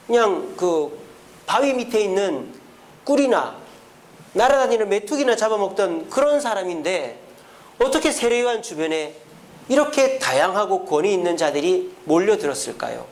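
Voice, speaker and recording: A man preaching a sermon as pastor, acting out biblical figures in lively bits of dialogue. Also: high voice. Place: church.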